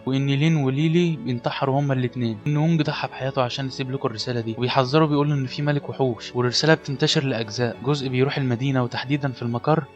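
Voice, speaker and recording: A man with an Egyptian Arabic accent narrating a story recap in a brisk scripted style. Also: medium pitch. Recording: slightly dull lo-fi audio, faint music.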